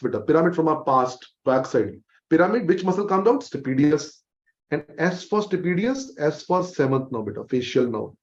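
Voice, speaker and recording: A man's voice: a little high, highs cut off. A man with an Indian accent teaching a medical revision class, emphatically repeating key facts. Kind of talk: exam revision lecture.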